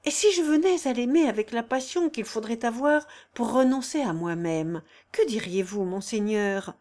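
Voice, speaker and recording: A woman's voice: a little high, expressive, normal speed, a little mellow, natural voice. A woman reading the part of a proud young singer who speaks earnestly and with passion in a storybook. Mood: impassioned.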